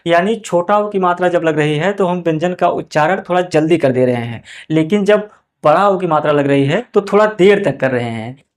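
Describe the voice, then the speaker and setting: Man, high voice, patient teacher, asks and answers his own questions, stretches out words for pupils. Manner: slow and drawn out on example words, repeating each twice; asks the class questions and answers them himself. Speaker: Hindi teacher. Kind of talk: explaining to young pupils.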